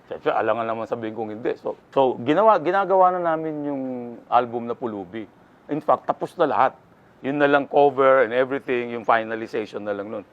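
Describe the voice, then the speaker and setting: A man's voice: mid-range voice, fairly quick, highs cut off. An older man from the Philippines, a guest in an interview, telling his story casually and acting out the voices of the people in it.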